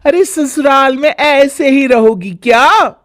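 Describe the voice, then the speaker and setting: Woman putting on a shrill, bossy young wife. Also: takes it slowly, no echo, studio quality. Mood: preening, bossy. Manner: shrill, scolding. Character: fussy, bossy young wife, always nagging.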